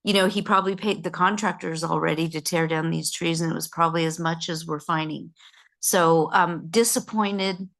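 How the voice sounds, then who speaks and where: A woman's voice: lowish voice, steady tone, normal speed, vocal fry, fairly bright tone. A woman board member commenting at a public meeting, hesitant and full of fillers.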